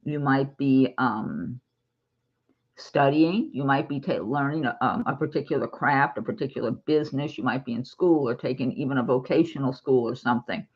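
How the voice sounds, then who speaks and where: A woman giving a chatty, casual tarot reading to her viewers, reassuring and quick to giggle. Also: extremely low pitch, slightly rough, muffled recording. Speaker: tarot reader.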